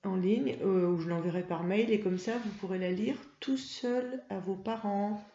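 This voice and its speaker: A woman teaching a first-grade reading lesson, patient and encouraging, spelling out letters slowly for young pupils. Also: mid-range voice, warm tone. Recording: roomy, slightly dull home recording.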